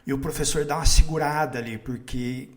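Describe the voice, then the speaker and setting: A Brazilian man, a podcast host, chatting about a film in a relaxed, conversational way. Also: mid-range voice, a little fast. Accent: Brazilian Portuguese. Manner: relaxed, conversational, uses fillers. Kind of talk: casual film discussion.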